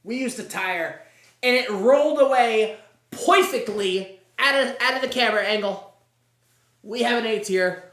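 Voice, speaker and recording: A man's voice: sits high, a little slow, fairly bright tone. A man hosting a livestream, repeating catchphrases in a mock sportscaster hype. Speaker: livestream host. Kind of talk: hyped live tier-list commentary. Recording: echoey room.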